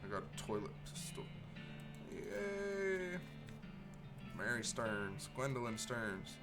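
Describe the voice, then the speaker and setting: A man's voice: mid-range voice, big pitch swings, slow. Man casually streaming a game over music. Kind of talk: casual game playthrough commentary.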